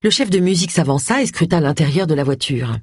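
An audiobook narrator reading a novel in an expressive, varied way. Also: medium pitch, fast talker, breathy edge, no echo, clean studio sound. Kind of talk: scripted narration.

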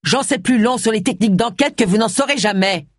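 A woman's voice: a little high, fairly quick, no echo, clean studio sound, voice pushed up, lightly acted. A woman doing a proud, prickly retired inspector. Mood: stiff, indignant.

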